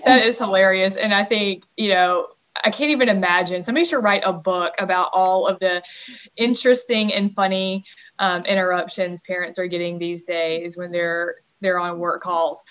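A woman's voice: fairly low pitch, fairly even intonation, moderate pace, highs cut off. A woman hosting a parenting podcast, affirming her guest with lots of fillers. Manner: warm, affirming interviewer with many fillers. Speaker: podcast host. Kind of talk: casual interview talk.

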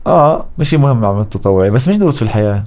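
A man's voice: mid-range voice, lively intonation, very fast, darkish tone. A man in his thirties with a Jordanian Arabic accent, chatting casually as a podcast guest and dropping in English words. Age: 30s. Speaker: podcast guest, voice-over artist and content creator. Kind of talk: casual conversational interview, mixing in English words.

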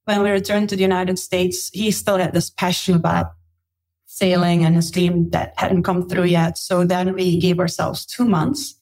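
A woman's voice: on the low side, little pitch movement, moderate pace, darkish tone. A middle-aged woman from Belgium, a podcast guest, telling her travel story in a chatty way with laughs and restarts. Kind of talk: casual interview storytelling.

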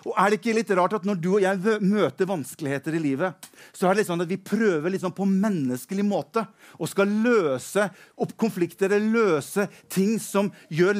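A male preacher retelling a Bible story with animated, vivid storytelling. His voice sits high for a man and moves with the drama of the tale. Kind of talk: storytelling sermon.

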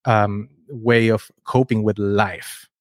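This is a slow, steady, lowish male voice captured dry in a clean studio. The speaker, a Spanish-speaking entrepreneur from Chile, is a podcast guest recounting his story in a casual interview, earnest and wandering, with frequent restarted words.

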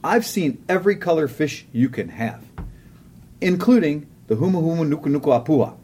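A man's voice: a little high, lively intonation, moderate pace, darkish tone, a little hiss or hum. A man co-hosting a casual podcast, telling a profane travel story and laughing often. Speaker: podcast co-host. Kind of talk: casual chat.

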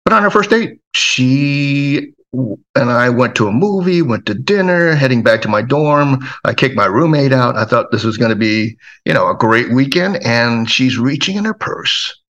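A middle-aged man from Hawaii, a self-defense trainer, telling his life story in a relaxed, rambling way full of fillers. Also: medium pitch, moderate pace. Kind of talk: casual storytelling.

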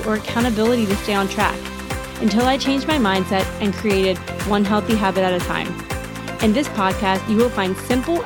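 Upbeat woman reading a podcast intro, music behind. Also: medium pitch. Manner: polished, promotional delivery. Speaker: podcast host.

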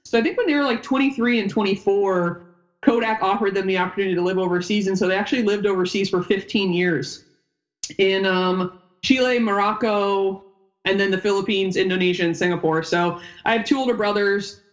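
Brisk and fairly even in intonation, her medium-pitched voice comes through lo-fi audio. She's a woman in her thirties from upstate New York, United States, a former basketball player and coach, rambling chattily as a casual podcast interview guest and wandering off mid-sentence.

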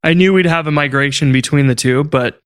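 A man co-hosting a casual tech podcast, telling stories in an animated, exasperated way. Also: a little high, brisk, clear, resonant tone. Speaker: podcast co-host.

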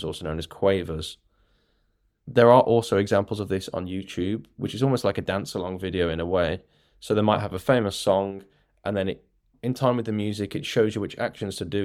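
A man's voice: fairly low pitch, darkish tone. A man, a music teacher and podcast host, explaining rhythm games in a chatty way. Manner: chatty, explanatory, claps and taps examples. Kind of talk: casual teaching talk.

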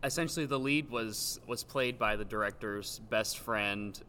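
A man's voice: lowish voice, moderate pace, pushed and bright. A young man talking as a guest in a hesitant, casual way with many likes and ums, recorded in a big echoey old gym. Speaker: guest, stage actor. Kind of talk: casual chat. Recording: roomy hall echo, faint background hum.

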